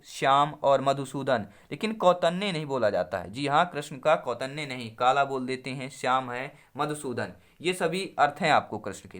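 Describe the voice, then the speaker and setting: A man's voice: on the high side, fairly bright tone. A man teaching a Hindi exam-prep lesson, going through questions one by one, calling viewers his friends, repeating each answer and asking them to reply. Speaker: Hindi teacher at a coaching channel.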